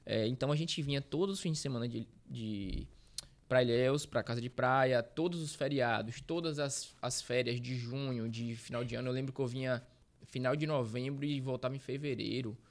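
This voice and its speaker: Man, 30s, from Bahia in Brazil, interview guest, rambling, self-correcting, casual storytelling, mid-pitched voice. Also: moderate pace. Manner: rambling, self-correcting, uses slang fillers. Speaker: guest, street reporter.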